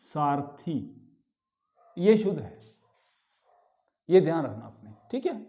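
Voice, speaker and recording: A man with a fairly high but dark, mellow voice gives a grammar lesson. He explains patiently, repeats key words and asks rhetorical questions. The recording is dull and lo-fi. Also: sing-song, measured pace. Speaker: Hindi grammar teacher.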